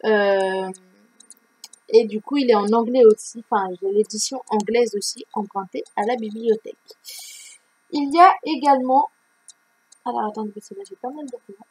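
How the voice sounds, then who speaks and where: A woman's voice: on the high side, moderate pace, pauses often, a little mellow, husky, rough recording. A woman presenting her reading pile in a casual vlog, chatty and full of fillers and restarts. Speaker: book vlogger.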